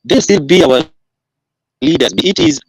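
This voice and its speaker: A man's voice: high voice, very animated, normal speed, creaky, slightly rough, dry recording. Caller: man, hesitant, dry close sound, glitching distorted online-call audio. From Kenya. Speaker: caller in an online political discussion. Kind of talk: casual opinion on a call. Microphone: earphone headset on an online call.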